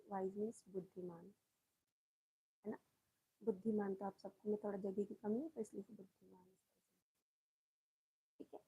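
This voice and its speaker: Mellow, husky woman teaching a class. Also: a little high, poor audio. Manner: patient, explains words and spells them letter by letter; asks the students questions and often adds "isn't it". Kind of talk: online class lesson.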